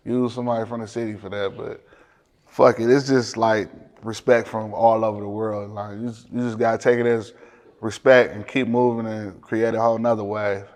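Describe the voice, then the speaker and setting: A man's voice: lowish voice, long reverb tail. A man with a Detroit accent chatting casually as an interview guest, with slangy, profane, streetwise phrasing. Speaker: music producer, interview guest. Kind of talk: casual chat.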